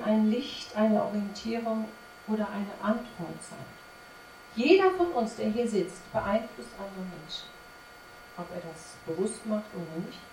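In this church-service recording, made from a distance in an echoey space with faint ambience and slight noise, a woman gives an emphatic sermon full of rhetorical questions. Her voice is fairly high with a darkish quality.

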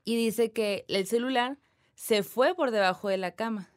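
A woman's voice: a little high, moderate pace, no echo. Brief: young Mexican woman, podcast co-host, slangy storytelling, close dry mic. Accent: Mexican Spanish. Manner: slangy, animated retelling with acted whispers. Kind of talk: casual storytelling.

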